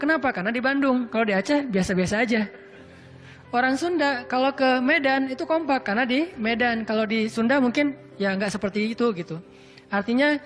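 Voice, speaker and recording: A man's voice: very high-pitched, fairly bright tone. Casual male preacher, hall echo. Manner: conversational, chatty asides, quotes Arabic verses slowly. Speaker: Islamic preacher. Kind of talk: casual sermon. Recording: hall reverb with faint music.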